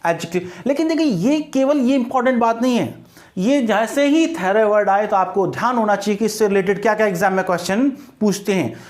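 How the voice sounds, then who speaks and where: Guy teaching grammar, spells words out slowly, repeats answers. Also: high voice. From India. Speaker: English teacher. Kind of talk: exam-prep grammar lesson.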